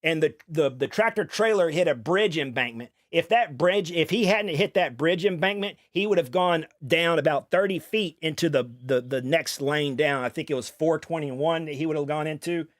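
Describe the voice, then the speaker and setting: A man's voice: a little high, normal speed, few pauses, no echo. Rambling streamer man, dry close sound. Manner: rambling, repeats words, swears casually. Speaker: game streamer. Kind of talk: casual storytelling while streaming.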